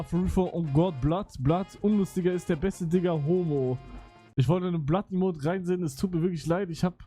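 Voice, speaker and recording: A young man streaming live, reading out chat messages in a mocking, casual way, swearing often and jumping between muttering and loud outbursts. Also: high voice.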